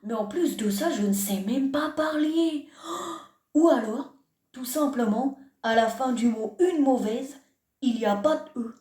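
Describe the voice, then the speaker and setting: A young woman answers a comment in a reaction vlog with mock self-deprecating sarcasm. Her voice is fairly high but mellow. The sound is roomy, with echo off the walls. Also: a little slow. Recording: echoey room.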